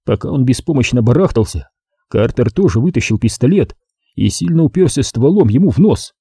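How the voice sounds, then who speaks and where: A male narrator reading a crime thriller aloud with a lively, rising and falling pitch. His voice is mellow and somewhat husky. The recording is dry and close, with no room sound. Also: brisk, no echo. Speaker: audiobook narrator. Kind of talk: scripted narration.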